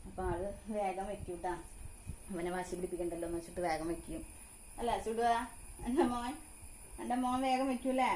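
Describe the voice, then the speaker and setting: A mother with a Kerala Malayalam accent, talking in a home vlog. She coaxes her young son in a sing-song voice and calmly explains things to the viewers. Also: medium pitch, brisk, pauses often, slight background noise. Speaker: mother of the vlog's child. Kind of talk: casual home vlog talk with her child.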